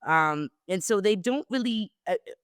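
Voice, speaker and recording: A woman's voice: mid-range voice, animated, moderate pace, smooth, no echo, studio quality. Reflective woman from South Carolina. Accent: General American, slight South Carolina Lowcountry. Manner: candid, reflective storytelling. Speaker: guest, travel company founder. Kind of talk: casual interview conversation.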